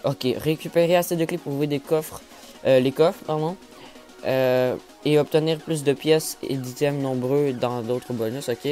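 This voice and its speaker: A man with a mellow, soft-edged voice talks through a game update in casual commentary, reading notes aloud. He stumbles over words, restarts and apologizes for his stammer. Faint music plays behind him. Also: medium pitch, fairly even intonation, normal speed. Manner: stammers and apologizes often, many fillers. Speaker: gaming YouTuber.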